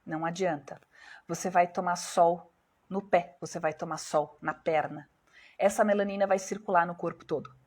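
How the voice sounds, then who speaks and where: A woman's voice: fairly low pitch, steady tone, normal speed, husky. A woman with a Brazilian Portuguese accent, hosting a live stream as a doctor, explaining step by step and putting questions to her viewers. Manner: explanatory, asks viewers questions and answers them herself.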